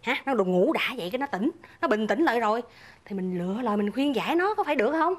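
A woman's voice: fairly high pitch, lively intonation, quick pace. A lecturing motherly neighbor. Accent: Southern Vietnamese. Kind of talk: rural comedy film acting.

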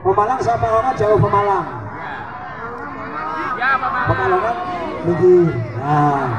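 A man with a Javanese accent booming out as a live prize announcer to a crowd at an outdoor event. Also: expressive, unhurried. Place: outdoor volleyball court. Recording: distant echoing PA, loud crowd noise. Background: loud crowd.

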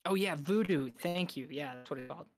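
Low-voiced woman, relaxed and hesitant. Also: fairly quick. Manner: relaxed, hesitant with many fillers. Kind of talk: casual chat.

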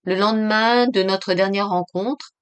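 A woman reading aloud voices a tense, withdrawn young woman in a flat, toneless, low delivery. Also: unhurried, natural voice. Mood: grim.

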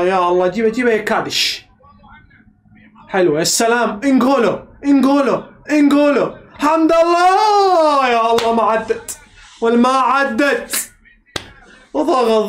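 A man giving excitable live match reaction commentary, cheering players on, shouting and repeating phrases. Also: extremely high pitch. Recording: echoey room.

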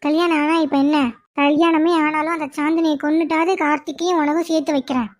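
A performer voicing a loyal, excitable young woman friend in a cartoon, brash and reassuring. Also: high voice, fast, close to an everyday voice. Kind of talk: cartoon voice acting.

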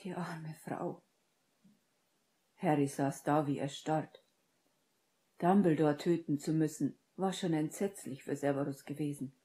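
Mellow low-voiced woman narrating a story. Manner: calm, measured storytelling. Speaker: audiobook narrator. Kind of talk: scripted narration of fan fiction.

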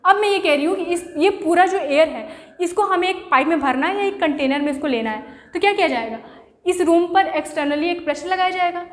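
A woman teacher with a very high-pitched voice moves briskly through a classroom science lesson, using everyday examples and posing rhetorical questions. She's in a room with an echoey, long-reverb sound.

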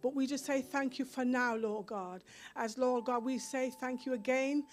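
A woman's voice: high voice, fairly even intonation, normal speed. A woman minister leading a fervent, repetitive closing prayer on a church stage, speaking into a handheld mic. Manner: fervent, repetitive praying, rising in intensity.

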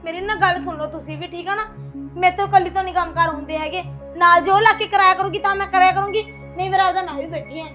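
A woman's voice: very high-pitched, fairly even intonation, dull audio. A woman playing an overworked elder daughter-in-law who complains and argues back. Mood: complaining. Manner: complaining, quick and defiant. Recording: music under the dialogue.

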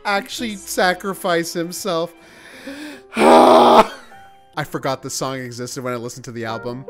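A man co-hosting a reaction video, excitable and joking as he chats. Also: on the high side, unhurried, creaky, faint music behind. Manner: excitable, joking, sings and quotes along. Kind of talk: casual reaction chat.

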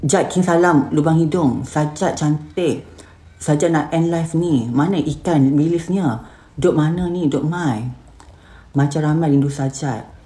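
A Malaysian woman with a somewhat low voice talks through a live stream, reading comments aloud and firing back bluntly. She switches into English words as she goes. The sound carries a noticeable room echo. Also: measured pace, mellow. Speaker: influencer hosting a live stream. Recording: roomy echoey room.

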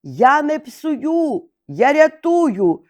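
A woman's voice: very animated, very slow, exaggerated voice. A woman voicing a brave, desperate male raven who caws and cries out in a storybook tale. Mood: urgent. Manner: shrill cawing cries.

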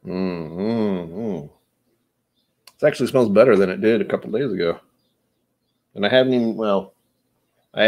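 Streaming from home in front of shelves of bottles, a thirtysomething man rambles casually, mocks himself, and now and then tries out joke accents. He speaks in a low voice with a darkish tone.

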